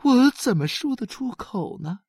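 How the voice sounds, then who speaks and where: A woman acting out an ashamed young wife, weeping and pleading as she confesses in an audiobook drama. Her voice sits high and husky, and she speaks slowly. Soft music plays behind her. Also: very animated, no room sound, clean studio sound, heavily acted. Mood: tearful confession. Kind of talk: audiobook dialogue performance.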